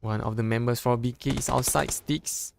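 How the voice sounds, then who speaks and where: With a steady, mid-range voice touched by vocal fry, a young Malay-speaking man from Malaysia gives live English commentary on a mobile esports game. His accented delivery is jokey and chatty yet halting, full of restarts, and a slight hiss or hum runs underneath.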